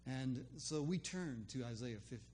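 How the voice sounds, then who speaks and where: The older storyteller is expressive, with a mid-range, darkish voice at normal speed and slight background noise. He tells his personal faith story about a conversation loosely, as casual spoken testimony full of ums and restarts.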